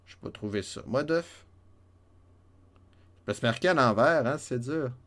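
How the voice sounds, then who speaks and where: A man's voice: mid-range voice, animated, normal speed, fairly bright tone. A man with a Quebec French accent giving chatty, joking let's play commentary, talking to himself as he plays. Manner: joking, chatty, talks to himself while playing. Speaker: gamer.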